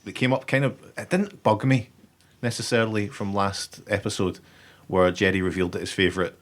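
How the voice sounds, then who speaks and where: A man's voice: fairly low pitch, fairly even intonation, fairly quick. A man co-hosting a casual podcast, wry and laid-back, often chuckling. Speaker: podcast co-host.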